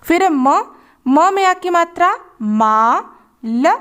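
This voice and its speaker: A woman's voice: sits high, lively intonation, fairly bright tone. A woman teaching children to read, patiently sounding out letters and syllables one by one. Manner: slow, patient, drawing out sounds. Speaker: Hindi reading teacher. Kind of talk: children's phonics lesson.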